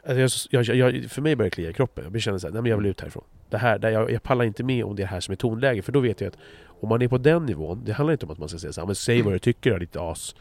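A man's voice: on the low side, lively intonation, vocal fry, few pauses, darkish tone, no room sound. A blunt, direct man from Sweden in casual conversation, swearing freely and often restarting his sentences.

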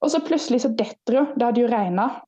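Young woman guest on a video call, mellow and fairly high-pitched, lively storyteller who acts out what she said; muffled lo-fi call sound. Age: young adult. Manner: animated, acts out her own past remarks. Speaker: guest ultrarunner. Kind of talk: casual interview storytelling. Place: student room. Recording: dull lo-fi video call audio.

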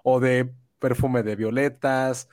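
A man's voice: mid-range voice, fairly even intonation, slow, a little mellow, dry recording, clean studio sound. A man hosting a film podcast in casual chat, teasing and joking with his co-hosts. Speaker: podcast host.

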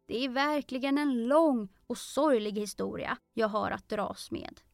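A woman's voice: a little high, creaky, no room sound, clean studio sound, faint music behind. A woman voicing a grumpy, easily offended mouse in a storybook, speaking sternly. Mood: mournful.

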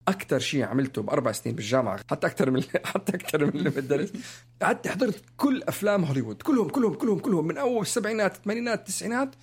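Young male podcast co-host, animated and talkative, lively pitch. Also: rapid-fire, husky. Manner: animated, chatty, jumps up in pitch when stressing points. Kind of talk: casual conversational podcast.

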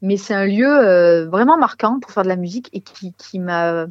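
A woman's voice: mid-range voice, animated, moderate pace, darkish tone, no echo, highs cut off. A woman answering as a musician in a casual interview, hesitantly searching for words.

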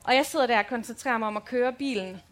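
A woman co-hosting a live podcast, telling chatty anecdotes with many fillers. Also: a little high. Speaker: podcast co-host.

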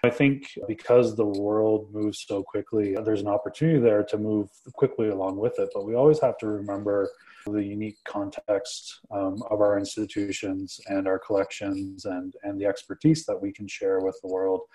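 Low, mellow-voiced male panel guest. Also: level tone, moderate pace, rough recording. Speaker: panel guest, digital museum leader. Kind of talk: conversational interview answers.

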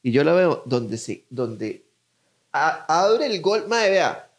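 A man's voice: on the high side, sing-song, slow. A young man with a Costa Rican accent telling a story in casual chat, acting out voices as he goes.

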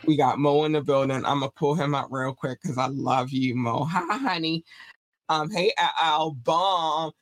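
A man's voice: on the high side, a little slow, poor audio. A man hosting a casual interview, talking loosely with frequent laughs and swearing. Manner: excitable, swears freely, laughs often. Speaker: host.

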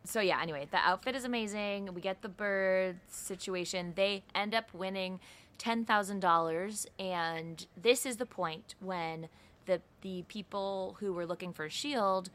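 A woman in her thirties co-hosting a podcast, retelling a reality show episode as a lively storyteller who laughs often. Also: mid-range voice, unhurried. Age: 30s. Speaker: podcast co-host. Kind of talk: casual TV recap chat.

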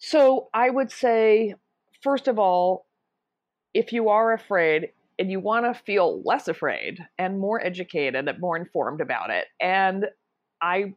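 A woman's voice: on the low side, no echo. A woman in her sixties, an author answering interview questions in an earnest, plain-spoken way. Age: 60s. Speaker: author and guest. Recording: dull, lo-fi, dry sound.

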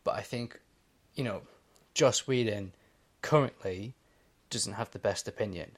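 A man with a slightly low voice co-hosts a casual podcast. He explains his points at length and thinks aloud as he goes. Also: a little slow, slightly rough. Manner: analytical, explaining at length with many fillers. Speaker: podcast co-host. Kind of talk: casual chat.

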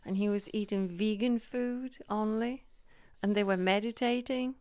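A woman's voice: mid-range voice, fairly even intonation, normal speed, a little mellow, clean tone. A woman co-hosting a podcast, chatting casually and hesitantly, often repeating her words. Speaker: podcast co-host. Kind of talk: casual chat.

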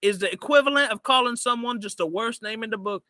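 A sassy, scolding barmaid with a clumsy Southern drawl, as a man puts her on. Her voice sits high and bright, and she bosses the table around with a dry, close sound. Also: fast talker, dry recording.

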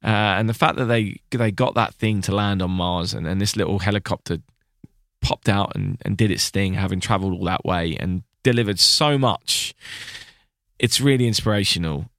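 A man's voice: lowish voice, normal speed, gravelly, a bit bright, dry recording. A man co-hosting a podcast in casual chat, chatty and often restarting his sentences. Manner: chatty, self-correcting, laughs often. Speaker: podcast co-host.

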